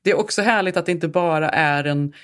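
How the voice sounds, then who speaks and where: Casting: young adult co-host, chatty and enthusiastic, mid-pitched voice, casual talk. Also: a bit bright. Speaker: podcast co-host. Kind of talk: casual chat.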